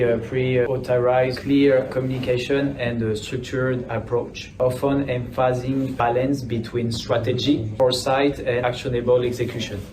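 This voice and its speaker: A twenty-year-old man, a student panelist speaking hesitantly with many fillers. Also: mid-range voice. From France. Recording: echoey auditorium, noisy.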